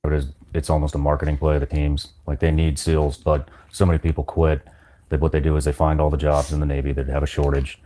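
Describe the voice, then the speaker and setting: A man's voice: a bass voice, flat delivery, fast talker, dark tone. A man hosting a podcast interview, asking blunt, terse questions and swearing casually.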